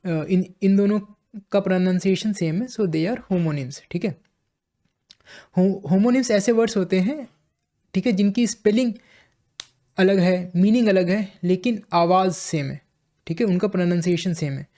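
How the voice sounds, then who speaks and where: A man with an Indian accent teaching English vocabulary in a classroom-style lesson, explaining slowly and repeating phrases as he checks in with listeners. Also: high voice, warm tone.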